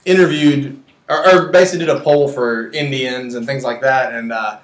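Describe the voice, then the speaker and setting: A man's voice: medium pitch, steady tone, normal speed, roomy sound. A young man in his twenties hosting a casual sports chat, joking and laughing often. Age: 20s.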